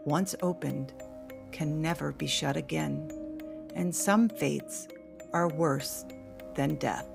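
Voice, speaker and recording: A woman reading a horror story aloud in a slow, measured, ominous narration. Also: low-pitched, gravelly, over music. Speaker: podcast co-host and story adapter.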